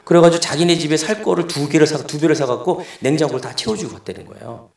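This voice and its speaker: A middle-aged male pastor with a fairly high voice and vocal fry speaks at a quick pace. He's giving a sermon in a church sanctuary, telling a family story and acting out quoted dialogue. The distant mic gives the recording an echoey church-hall sound.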